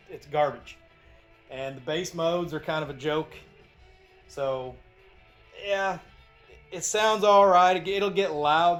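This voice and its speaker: A man giving a casual, rambling product review as the channel's host, often restarting his sentences. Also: on the high side. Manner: chatty and rambling, with frequent restarts.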